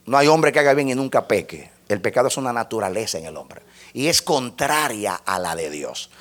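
A man's voice: medium pitch, expressive, brisk, fairly bright tone. A man preaching a sermon, teaching step by step and asking the congregation to repeat phrases after him. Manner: spells out points step by step like a lesson.

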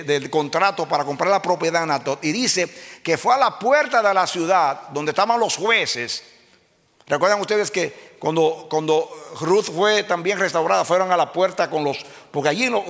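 A male preacher with a high, piercing voice delivers an impassioned sermon. He swings from quiet explaining to shouted peaks and keeps asking the congregation direct questions. His voice rings through a church hall with a long reverb.

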